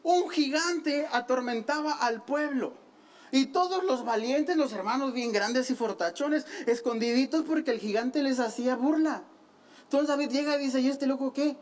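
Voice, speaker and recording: A woman preaching a sermon, telling the story with lively acting and playful self-mocking asides. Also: high-pitched, normal speed, a little hiss or hum. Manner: animated storytelling, acting out the quoted lines.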